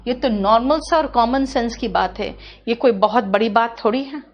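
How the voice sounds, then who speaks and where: Brisk Hindi-speaking woman teaching grammar. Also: on the high side, dull audio. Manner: brisk, scolding, addresses students as beta. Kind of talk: live online class.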